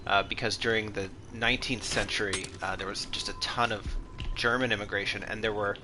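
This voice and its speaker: An Egyptologist streamer from Texas, USA, chats casually while gaming, mixing in history asides; his voice is on the low side and a little fast, heard over music and steady background noise. He rambles, thinks aloud and uses lots of fillers.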